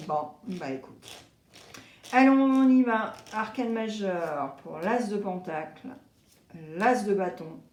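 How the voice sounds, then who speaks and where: Lively chatty woman reading tarot. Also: mid-range voice, roomy sound. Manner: chatty and expressive, acts out little quoted exchanges. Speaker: tarot reader.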